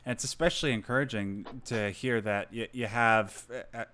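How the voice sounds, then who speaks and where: A man's voice: fairly low pitch, a little fast, sharp tone, a little hiss or hum. A man hosting a podcast, talking casually and encouragingly to a guest. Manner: encouraging, supportive. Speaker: podcast host. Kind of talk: casual chat.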